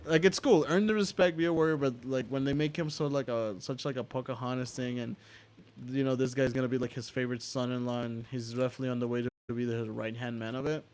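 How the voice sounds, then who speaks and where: A man's voice: mid-range voice, steady tone, quick pace, a little mellow. A young man from the United States, hosting a casual, profane opinion rant full of restarts and asides. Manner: profane, rambling, with many restarts and filler asides. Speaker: host.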